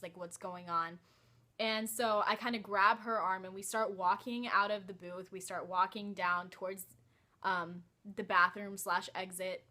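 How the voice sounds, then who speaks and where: A woman's voice: mid-range voice, bright, forceful tone. A young woman telling a personal story in a casual vlog, hesitant and full of "like" and "um". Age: young adult. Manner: hesitant, many "like" and "um" fillers. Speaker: vlogger.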